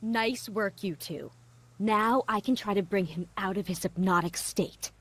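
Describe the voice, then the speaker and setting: Woman playing slow, commanding game hypnotist. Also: mid-range voice, close to an everyday voice. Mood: sardonic. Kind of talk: video game voice acting.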